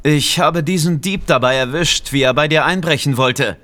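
A man's voice: fairly high pitch, normal speed, bright, forceful tone, pitched above the performer's own voice. A man voicing a bold, scheming storybook adventurer with a firm, assertive delivery. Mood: explaining. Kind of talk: storybook character voice.

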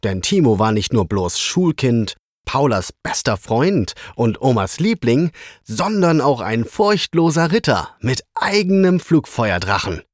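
Male storyteller for a kids' audiobook, animated delivery, dry close recording. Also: medium pitch, unhurried, dry recording. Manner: lively expressive reading. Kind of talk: children's story reading.

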